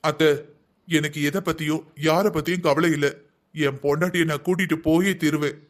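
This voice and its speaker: A man voicing a stubborn young husband in a cartoon family drama, making blunt, forceful demands. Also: a little high, steady tone, normal speed, natural voice. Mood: determined.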